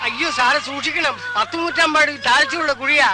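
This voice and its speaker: An anxious, deferential servant. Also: male voice, very high voice, a little fast. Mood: worried. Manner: fretful, warning, deferential. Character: worried male servant, anxious and cautious. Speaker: household helper. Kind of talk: 1990 film drama acting. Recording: film soundtrack with loud noise.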